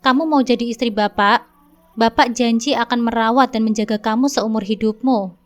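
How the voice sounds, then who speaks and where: A proud, wealthy village landlord in his sixties speaks softly and with assurance, voiced by a woman narrator. The voice stays clear and slightly high, with a smooth storybook tone. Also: steady tone, moderate pace, natural voice. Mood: coaxing. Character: rich old village landlord, man of sixty, proud.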